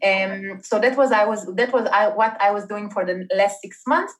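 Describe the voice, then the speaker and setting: This Israeli woman, a startup investment partnerships manager, is the guest on an interview that feels like a conversation. She talks casually with plenty of fillers, using a medium-pitched voice and an even, moderate tempo.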